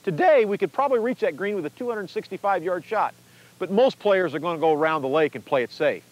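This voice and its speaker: A man's voice: high voice, lively intonation, fast, rough recording. A man hosting a golf instruction infomercial as a teaching pro, speaking outdoors on the course.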